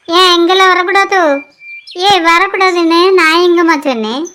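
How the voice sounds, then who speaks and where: A woman voicing all the characters of a cartoon with lively, scolding, chatty dialogue. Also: very high-pitched, slight background noise. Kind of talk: cartoon voice acting, village dialogue.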